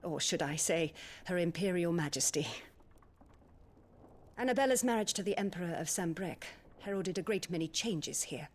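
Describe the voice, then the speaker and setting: An actress voices a warm-hearted, widowed middle-aged noblewoman in a video game cutscene, her fairly low voice animated and wistful at a normal pace. She speaks formally, in a refined and emotional way.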